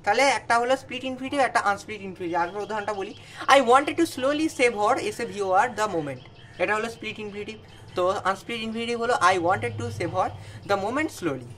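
A young man with a Bengali accent tutors through exam questions, defining each term and then checking that students follow. His voice is bright and forceful, with a faint hiss of background noise. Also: high voice, fast. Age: young adult. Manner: explains terms then asks students "understand?". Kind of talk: exam revision lesson.

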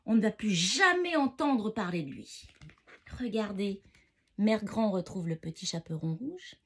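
A woman reading a bedtime story to children, talking to them directly and expressively. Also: medium pitch.

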